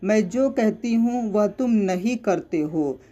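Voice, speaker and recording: A narrator reading the lines of a young married woman who is emotional and demanding, in a slow, even voice. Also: medium pitch, highs cut off. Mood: pleading.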